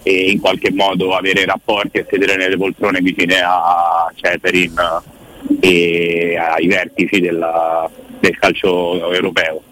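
A man giving live radio commentary as a reporter, with emphatic, deliberate and rhetorical Italian speech. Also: low-pitched, monotone, a bit bright, rough recording.

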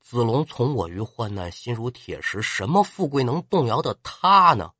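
A man's voice: medium pitch, lively intonation, moderate pace, pushed and bright, slightly rough, no echo, studio quality. A man voicing the blunt, hot-tempered general Zhang Fei, a coarse fighter who swears and throws out folk sayings. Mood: doubting.

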